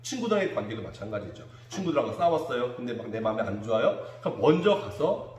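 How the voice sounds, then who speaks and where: A man preaching a children's sermon as pastor, animated and acting out what children might say. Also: medium pitch, fast, a little hiss or hum. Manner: animated, acts out children's quotes. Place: church room. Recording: echoey church hall.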